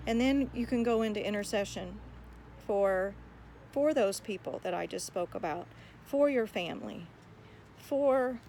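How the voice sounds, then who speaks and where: An earnest woman speaking about prayer at a middle pitch, urging her listeners on and often restarting her words as she finds her point. A faint hum of room noise sits behind her. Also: darkish tone. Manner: earnest and exhortative, repeats words while finding her thoughts. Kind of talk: earnest spoken encouragement on prayer.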